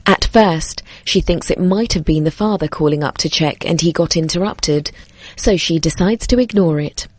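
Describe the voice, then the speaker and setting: A woman narrating a scripted horror story in a measured, suspenseful way. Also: lowish voice, a little mellow, dry recording.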